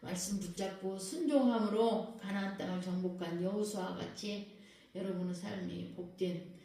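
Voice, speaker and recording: A woman pastor delivers a sermon in a mellow, warm voice, often turning to her congregation with questions. She stands some way back from the mic, and the hall gives her voice a heavy, lingering echo. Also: mid-range voice, moderate pace, vocal fry. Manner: lively preaching that keeps questioning the congregation. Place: prayer house worship hall. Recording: very echoey hall, voice far from the mic.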